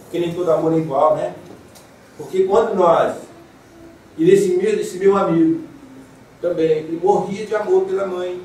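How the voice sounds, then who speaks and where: A Brazilian man with a somewhat high voice delivers a chatty spiritist lecture and leans on rhetorical questions. He is picked up from across the room. A strong echo fills the hall, with faint noise underneath. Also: steady tone, moderate pace, pauses often, darkish tone. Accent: Brazilian Portuguese. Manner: conversational, frequent rhetorical "né?". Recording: echoey hall mic heard from a distance.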